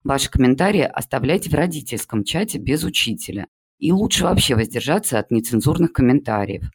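A man reading a humorous story aloud in a dry, deadpan way. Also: mid-range voice, brisk, slightly rough. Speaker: reader.

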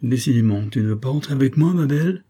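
A man's voice: mid-range voice, lively intonation, fast talker, warm tone, breathy edge, voice pushed up. A man reading the part of a brutal, taunting male militia quartermaster in an audiobook, with a commanding, mocking manner.

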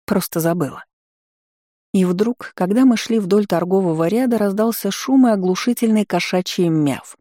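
An audiobook narrator telling a first-person fantasy tale with lively irony. The voice is mellow and dark, and the recording is dry and close with no room sound. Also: mid-range voice, moderate pace, hardly any pauses, no room sound.

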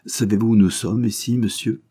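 Brief: male reader as a cool detective questioning a prisoner, low husky voice, measured and probing. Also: fairly even intonation, mellow. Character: calm shrewd Japanese male detective.

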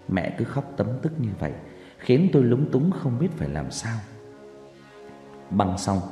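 A man narrating a horror story in a dramatic, expressive way, heard with echoey reverb and faint music. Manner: expressive, with wide pitch swings. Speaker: audiobook narrator.

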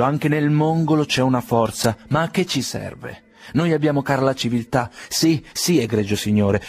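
A man reading an audiobook, playing an irritable older aristocratic gentleman who sneers coldly and then bursts into indignation. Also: medium pitch, pitched above the performer's own voice, lightly acted. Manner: cold and ironic, flaring into indignant outbursts.

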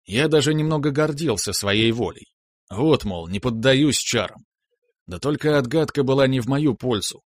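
A man reading a first-person story aloud in a measured, wry storytelling manner. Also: mid-range voice, lively intonation, no echo, clean studio sound. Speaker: audiobook narrator. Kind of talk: scripted first-person narration.

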